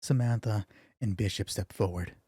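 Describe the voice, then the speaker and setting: Man narrating his own tabletop game, dry and low. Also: normal speed, dark tone, breathy edge, no room sound. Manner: self-mocking asides between character voices. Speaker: solo role-play streamer voicing all characters.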